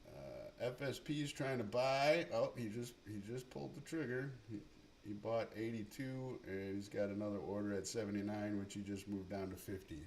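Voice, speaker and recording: A man with a low voice talks to himself and his viewers in a loose, profane running commentary while he trades. His tone is offhand and muttering. A faint hiss sits under the desk microphone. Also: moderate pace, darkish tone. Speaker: livestream day trader. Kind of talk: live market commentary.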